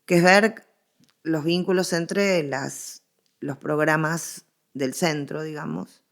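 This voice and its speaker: A middle-aged woman with a Rioplatense Argentine accent talks slowly in a low voice with fairly even intonation. As an expert guest in a conversational interview, she explains with emphasis and a habit of digressing.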